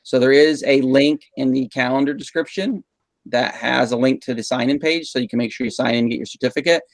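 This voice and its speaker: A man's voice: mid-range voice, brisk, no room sound. A man running a live online training session for teachers, patiently explaining tools with frequent um fillers. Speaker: instructional technology trainer. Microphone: video call mic.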